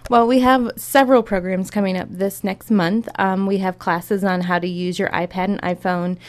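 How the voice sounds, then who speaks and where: A woman's voice: mid-range voice, fairly even intonation, normal speed. A young adult woman from Iowa, a public librarian, talking upbeat and in detail as an interview guest. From Iowa, USA.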